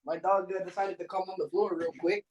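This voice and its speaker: A man with a slightly higher voice chats casually on a podcast, laid-back and joking. His talk is loose and full of slang. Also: flat delivery, brisk, a crowd in the background. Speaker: podcast co-host.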